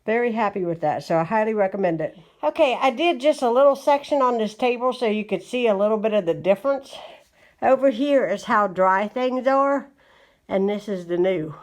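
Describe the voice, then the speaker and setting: Chatty West Virginian woman, fairly high voice. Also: expressive, normal speed. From West Virginia, USA. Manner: chatty, homey, recommends products. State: a bit out of breath. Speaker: home vlogger. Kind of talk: casual chat. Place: home, indoors.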